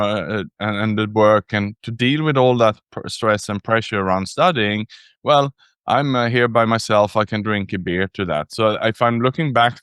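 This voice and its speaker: A man's voice: lowish voice, fairly bright tone, clean tone, no room sound, clean studio sound. Swedish-born man telling his story. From Sweden. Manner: reflective, frequent ums and restarts. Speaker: podcast guest. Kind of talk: casual interview storytelling.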